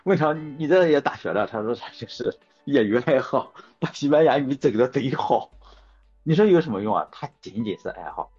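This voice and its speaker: Husky, lively-voiced man chatting. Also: mid-range voice, fairly quick. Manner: rambling, anecdotal, self-correcting. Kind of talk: casual chat. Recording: dull lo-fi sound with faint music.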